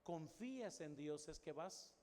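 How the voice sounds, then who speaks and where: A middle-aged man preaching a sermon, telling a personal story and dropping to a soft voice for quoted prayers. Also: on the high side, expressive, slow pace. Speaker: pastor. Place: large church hall. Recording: long church reverb, faint room noise.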